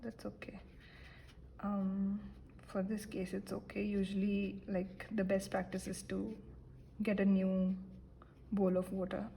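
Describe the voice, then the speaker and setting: A young woman giving a relaxed painting lesson, chatty and self-deprecating, with many fillers and soft whispered asides. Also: mid-range voice, unhurried, creaky, a little hiss or hum, rough recording. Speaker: art teacher. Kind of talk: casual painting tutorial.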